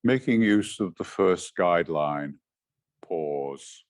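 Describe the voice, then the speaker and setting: A low-voiced meditation teacher speaks expressively yet very slowly and gently, guiding listeners through short, measured phrases separated by pauses. The sound is dry, with little sense of the room.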